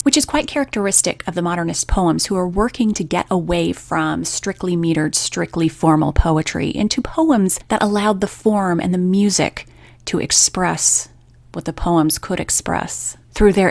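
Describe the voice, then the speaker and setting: Reading from a script, a woman hosts a poetry radio show, reciting verse in measured, deliberate phrasing. Her voice sits on the low side, and the recording is dry.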